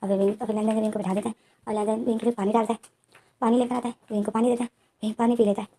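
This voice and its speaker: Fast-talking woman retelling a fan story. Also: fairly high pitch, level tone, mellow, slightly rough. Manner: breathless run-on narration, chaining events with "then". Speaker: story narrator.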